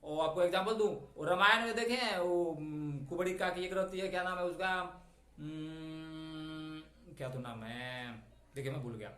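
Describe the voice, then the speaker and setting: A middle-aged man teaching an English vocabulary lesson in a chatty, digressive way, stretching out key words slowly. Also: a little high, fairly bright tone. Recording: echoey room.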